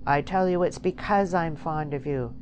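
A woman playing a domineering young country man who talks in a hard, insistent voice, with a steady hiss behind her. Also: a bass voice, measured pace.

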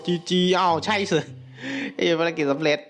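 A young man talks through a game he is playing, excitable and quick to burst out in loud exclamations as he speaks to his viewers. His voice sits fairly high for a man. Faint music plays behind him. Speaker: gameplay commentator. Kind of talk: casual game commentary.

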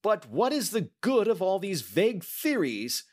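A man's voice: sits high, very animated, a little slow, voice pushed up, heavily acted. A man voicing an impatient, indignant older banker in emphatic, formal Victorian speech for an audiobook. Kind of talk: audiobook character acting.

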